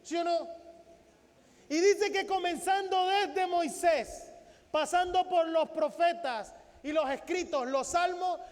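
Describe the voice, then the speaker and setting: High-voiced man preaching in a reverberant hall. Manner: preaches with rhetorical questions and acts out biblical dialogue. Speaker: pastor. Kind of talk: Sunday sermon. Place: church sanctuary.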